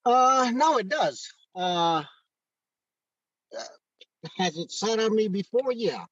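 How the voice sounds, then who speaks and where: Earnest older man, halting and heartfelt. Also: high voice, expressive, a bit bright, husky, no room sound, highs cut off. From Mexico. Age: 60s. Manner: earnest, halting with many restarts and fillers. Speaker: interview guest, retired first sergeant. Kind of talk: candid conversational interview. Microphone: phone call audio.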